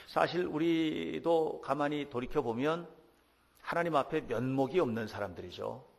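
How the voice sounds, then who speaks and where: A middle-aged male pastor preaching in a church sanctuary, his voice gravelly with fry. He tells the story with animated delivery and acts out the voices he quotes. The sound carries a long reverb from the hall. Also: mid-range voice. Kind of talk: sermon.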